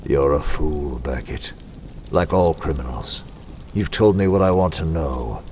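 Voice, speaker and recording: An actor playing a commanding, menacing male crime-fighting avenger in the theatrical, deliberate style of 1940s radio drama. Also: a bass voice, animated, a little mellow, big-room sound, a little hiss or hum, exaggerated voice.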